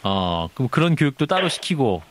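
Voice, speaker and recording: A man's voice: mid-range voice, very animated, fairly quick. A man hosting a news radio interview in a polite, formal manner.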